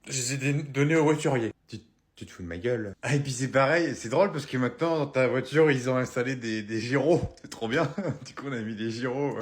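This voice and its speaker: A man's voice: mid-range voice, brisk, lightly acted. Guy doing a hungover young son, mumbly, making excuses, comedy sketch. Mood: evasive.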